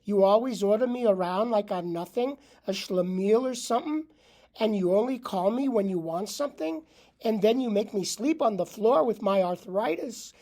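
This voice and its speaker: A man's voice: high-pitched, lively intonation, moderate pace, mellow. A man voicing a grumpy old male talking dog who complains nonstop, sprinkling in Yiddish words. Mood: aggrieved.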